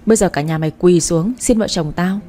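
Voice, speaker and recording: A woman's voice: on the low side, fairly quick, mellow, faint music behind, close to an everyday voice. A woman voicing a vindictive middle-aged mother-in-law who speaks in a mocking, imperious way. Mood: gloating.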